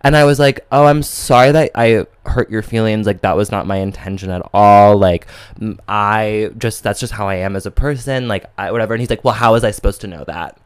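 A young man, telling a story in casual podcast chat, animated and camp, with many fillers. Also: on the low side, fairly quick, smooth, no room sound. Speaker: podcast co-host.

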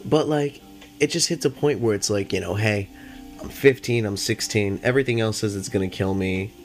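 A man who is high, chatting casually as a solo podcast host in a laid-back, rambling, slangy stoner manner with plenty of swearing, music behind him. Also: moderate pace. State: high on cannabis.

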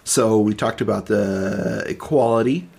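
A man's voice: fairly low pitch, measured pace, gravelly, a little mellow, husky. A man hosting a casual podcast chat, explaining at length with many restarts and fillers. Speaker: podcast host presenting the topic.

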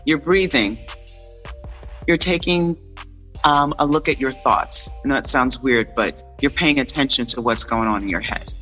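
A man's voice: medium pitch, a little slow, sharp tone, faint music behind. A man explaining things conversationally, like a wellness coach, in an encouraging, informal way with short emphatic phrases. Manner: encouraging, reassuring. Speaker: meditation and wellness guest.

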